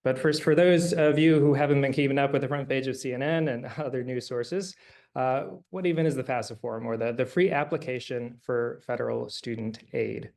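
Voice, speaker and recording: A man's voice: medium pitch, moderate pace, gravelly, a little mellow. A man in his forties giving a conference presentation as a designer, earnest and emphatic, with some fillers. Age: 40s.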